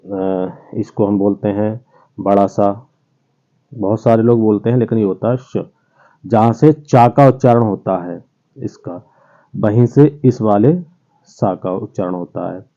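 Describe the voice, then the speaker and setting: A male teacher giving an online lesson to children, slowly and patiently sounding out each letter. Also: lowish voice, warm tone. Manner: slow, patient, spells out sounds one by one. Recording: tinny phone-like sound.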